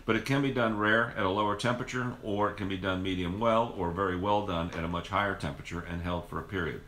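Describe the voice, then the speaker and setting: Low-voiced man explaining home cooking. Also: fairly even intonation, fast talker, pushed and bright, roomy sound, slight background noise. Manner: rambling, with frequent restarts and fillers. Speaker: home cooking video host. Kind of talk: casual cooking demonstration. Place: home kitchen.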